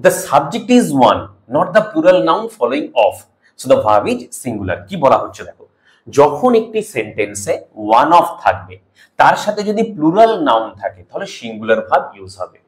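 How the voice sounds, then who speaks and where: A man with a Bengali accent teaching English grammar rules for an exam, explaining each rule and reading example sentences slowly and deliberately, checking in with "okay?" as he goes. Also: a little high, sing-song. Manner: mixes English terms into Bengali, asks "ok?" often. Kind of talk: exam-prep grammar lesson.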